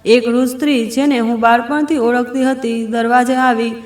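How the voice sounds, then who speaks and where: A woman narrating a sad first-person story in a steady, sorrowful way. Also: a little high, normal speed, roomy sound.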